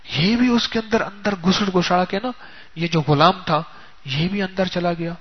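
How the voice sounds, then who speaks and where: A man's voice: high voice, husky. A male preacher telling a story in a sermon, speaking straight to his listeners. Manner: animated, addresses listeners directly. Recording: dull lo-fi recording.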